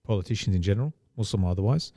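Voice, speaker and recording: A man co-hosting a podcast, talking in a rambling casual way with many restarts and quick agreement. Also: on the low side, animated, mellow, no room sound. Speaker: podcast co-host. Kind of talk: casual chat.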